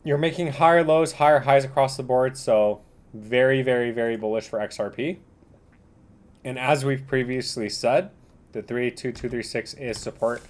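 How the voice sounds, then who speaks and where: A man hosting a casual livestream commentary, talking in a slangy bro style with a rambling, halting delivery. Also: medium pitch, steady tone. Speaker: livestream host reviewing cryptocurrency charts.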